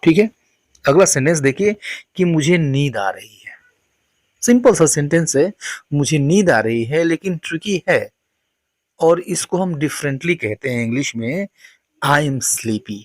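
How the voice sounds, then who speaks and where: A man teaching spoken English, saying each model sentence slowly and deliberately. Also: a little high, animated, dry recording.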